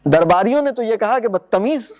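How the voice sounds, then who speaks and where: Man, high voice, poetry lecture, eager explaining, slow recited verses. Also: lively intonation, darkish tone.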